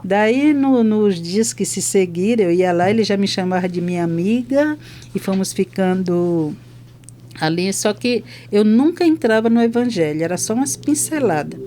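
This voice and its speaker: Older woman, chaplain; warm, mellow voice; lively storyteller who acts out the dialogue. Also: mid-range voice, normal speed, a little hiss or hum. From Brazil. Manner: lively retelling that acts out both sides of conversations. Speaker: hospital chaplain. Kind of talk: podcast testimony storytelling.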